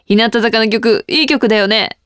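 A woman's voice: a little high, normal speed, a bit bright, smooth, dry recording, studio quality. A young woman hosting a casual radio talk show, reading listener mail and joking about herself with frequent laughs. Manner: playful, self-mocking, laughs often.

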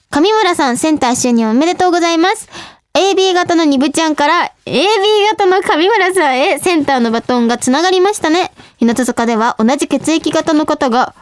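A young woman hosts a casual radio show, reading out listener letters and chatting between them. Her voice sits high, and she talks in an animated, bubbly way, often dissolving into giggles. The sound is dry, with no room echo.

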